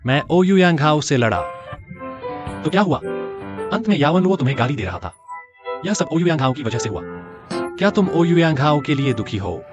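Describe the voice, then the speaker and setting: A man plays a rich young hero in a dubbed TV drama, sarcastic and possessive, his pitch lifting and dropping a lot. His voice sits slightly high for a man, with loud drama music underneath. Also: sing-song, normal speed, pauses often, muffled recording. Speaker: wealthy young male lead in a drama. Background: drama score music.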